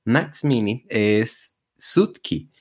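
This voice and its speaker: A man co-hosting a casual wrestling discussion, talking informally and haltingly with chatty asides. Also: lowish voice, animated. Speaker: wrestling show co-host.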